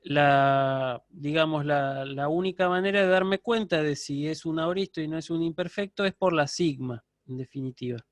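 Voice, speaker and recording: A man's voice: a little high, steady tone, normal speed, hardly any pauses, no echo. A man giving a university lecture online, explaining step by step and checking in with his students. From Argentina.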